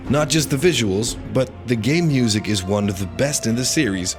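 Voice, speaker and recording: A man narrating a scripted video game review in an opinionated, critical manner. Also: mid-range voice. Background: faint background music.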